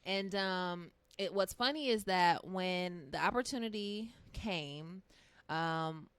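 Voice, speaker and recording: Chatty woman singer, slightly low voice. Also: takes it slowly, clear, resonant tone, no echo. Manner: chatty, with many fillers and quoted asides. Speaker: guest singer. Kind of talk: casual interview talk.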